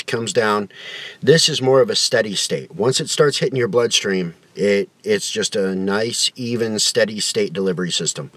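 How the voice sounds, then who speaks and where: A man's voice: medium pitch, a bit bright, no echo. Man talking with a packed lip. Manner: folksy, rambling. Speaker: product reviewer. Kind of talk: casual review chat to camera.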